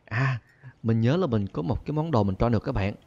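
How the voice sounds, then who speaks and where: A young man, chatty and laughing as he hosts an excited let's-play commentary. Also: mid-range voice, fairly quick, vocal fry. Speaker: gaming channel host. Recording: dull lo-fi recording.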